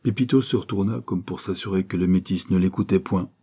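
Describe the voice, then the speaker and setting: A man narrating an adventure novel aloud in a steady, measured reading. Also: sits low, slightly rough. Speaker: audiobook narrator.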